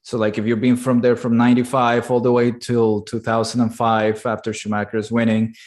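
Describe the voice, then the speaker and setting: A man co-hosting a casual podcast chat, talking in animated fast bursts with many fillers. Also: mid-range voice. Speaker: podcast co-host.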